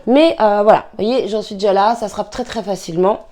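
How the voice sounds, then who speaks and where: A woman chatting casually in a how-to beauty vlog, rambling with many fillers and restarts and apologizing in quick asides while she works with her hands. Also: mid-range voice, mellow. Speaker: beauty vlogger.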